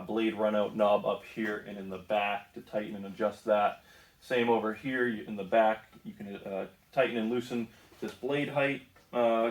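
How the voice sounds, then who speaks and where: A man's voice: lowish voice, reverberant. A man from the northeast United States casually reviewing a bandsaw in his home woodworking shop, easygoing, with lots of ums and self-corrections. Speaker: tool reviewer.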